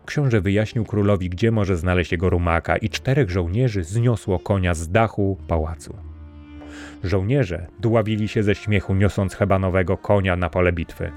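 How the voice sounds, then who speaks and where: A man reads a fairy tale aloud in a measured, steady storybook manner. His voice is deep and low. A faint music bed plays underneath. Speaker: narrator.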